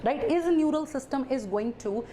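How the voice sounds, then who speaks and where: A woman's voice: high voice, animated, normal speed, mellow. A woman with a North Indian accent lecturing live to students as their teacher, repeating phrases, addressing them directly and dropping in Hindi interjections. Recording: echoey room, faint background noise.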